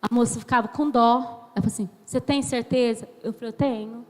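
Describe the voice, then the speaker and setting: A woman in her thirties from Brazil preaching a sermon as a pastor, slow and emphatic, acting out dialogue as she tells stories. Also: a little high, steady tone, darkish tone. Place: church sanctuary. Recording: long church hall reverb.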